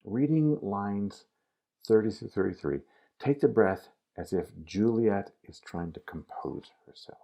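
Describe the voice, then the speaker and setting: Low gravelly male drama coach, relaxed and instructive. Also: a little slow. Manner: casual instructive, addresses the student directly. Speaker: acting teacher. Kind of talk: recorded acting lesson.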